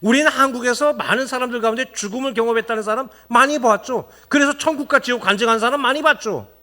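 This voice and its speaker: A male pastor preaching a sermon in a church, animated and firing rhetorical questions at the congregation. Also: very high-pitched, fast talker. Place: church sanctuary.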